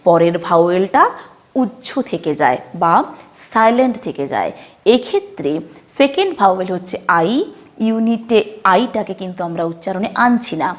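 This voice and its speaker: A woman teaching a phonics lesson, explaining slowly with examples and asking checking questions. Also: mid-range voice, darkish tone.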